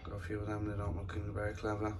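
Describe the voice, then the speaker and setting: Flat-voiced man filming on a phone. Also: lowish voice, quick pace. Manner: chatty, plain-spoken, full of fillers. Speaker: allotment vlogger. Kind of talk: casual walk-through commentary. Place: windy allotment outdoors, then a room at home. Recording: outdoor wind noise, then indoors.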